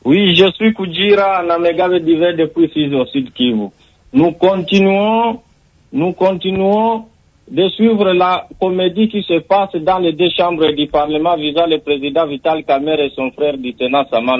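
A man's voice: on the high side, measured pace. A man calls a radio show with a formal, rhetorical political denunciation. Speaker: radio call-in listener. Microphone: remote call. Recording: dull call-in radio line.

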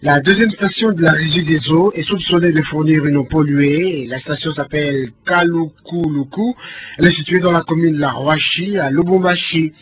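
A man's voice: fairly high pitch, normal speed, a bit bright. A man presenting the radio news, reading formally and then questioning a correspondent, stumbling a little in live questions. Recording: dull lo-fi broadcast with faint noise.

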